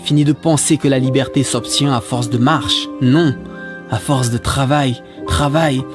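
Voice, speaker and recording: A man with a steady, mid-range voice delivers a scripted spoken-word monologue at a measured pace. His tone is solemn and exhorting, built on rhetorical repetition, and music plays under his voice.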